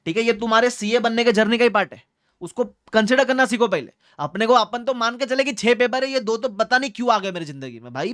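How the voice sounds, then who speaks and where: A man's voice: high voice, fairly bright tone, no echo, studio quality. A young man coaching exam students, talking directly and like an older brother, often checking that they follow. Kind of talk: advice talk to students, mixing in English phrases.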